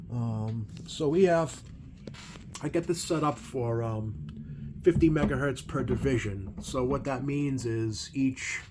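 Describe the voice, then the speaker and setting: A CB radio repair technician hosts a video from an indoor repair workbench, giving a casual hands-on demonstration. His mid-range voice rambles hesitantly, full of ums and pauses, with noisy room tone behind him.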